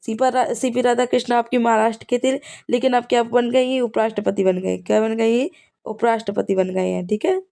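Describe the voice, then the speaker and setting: A woman's voice: a little high, little pitch movement, fairly quick, creaky, warm tone. A woman teacher giving an exam revision lesson, teaching memory tricks and often checking in with the listener as she repeats key points. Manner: repetitive, checks in with "ठीक है".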